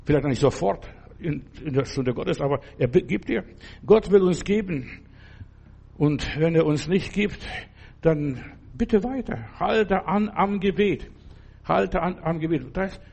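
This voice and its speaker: A man preaching a sermon, urging his listeners with many repeated phrases and acting out prayers in a hushed voice. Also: on the high side, expressive, unhurried, slightly rough. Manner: exhorting, repetitive, acts out prayers in hushed tones.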